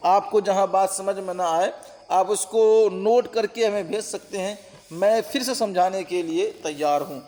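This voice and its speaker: Guy teaching an exam-prep class online, pretty high voice, repeats stuff patiently, echoey room. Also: measured pace, a little mellow. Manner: patient, repeats terms and checks understanding. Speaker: Urdu-Hindi translation teacher.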